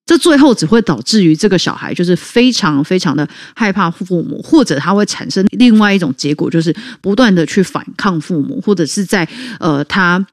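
A woman's voice: lowish voice, lively intonation, a little fast, few pauses, no room sound, studio quality. A woman with a Taiwanese Mandarin accent, co-hosting a podcast and telling a childhood story in a chatty way with many fillers. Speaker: podcast co-host.

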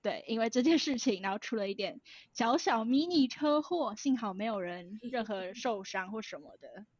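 A young woman in her twenties with a Taiwanese Mandarin accent, telling a story as a podcast co-host in a rapid, animated way full of fillers. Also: a little high, husky, no room sound, highs cut off. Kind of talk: casual storytelling chat.

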